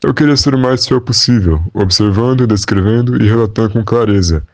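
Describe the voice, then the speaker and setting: A young man playing a calm, proud Portuguese royal scribe, recounting in a measured, formal way on a school podcast. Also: fairly low pitch, dry recording, natural voice. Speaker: interviewee. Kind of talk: school podcast role-play.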